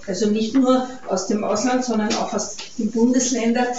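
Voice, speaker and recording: A woman's voice: fairly high pitch, fairly even intonation, moderate pace, background noise. A woman from Carinthia with an Austrian German accent gives a public talk at a peace event, hesitant and full of fillers and restarts. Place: event hall. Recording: echoey hall, distant from the mic, muffled.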